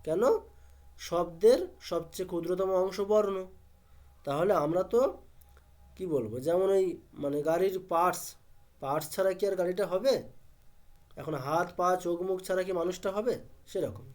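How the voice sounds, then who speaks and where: Guy with a high voice, teaching sounds step by step, asks himself questions then answers. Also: darkish tone. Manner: asks and answers his own questions, drills syllables slowly. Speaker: Sanskrit pronunciation teacher. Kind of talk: step-by-step pronunciation lesson.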